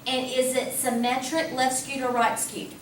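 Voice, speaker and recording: A woman math teacher giving a lively classroom lecture, talking casually and asking the class questions. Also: sits high, unhurried. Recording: echoey classroom from a distance, faint hum.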